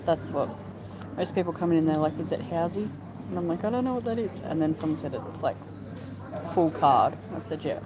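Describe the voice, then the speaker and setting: A woman in casual conversation, explaining things in a halting way with lots of filler words. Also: low-pitched. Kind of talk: casual chat. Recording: clear background noise, off-mic.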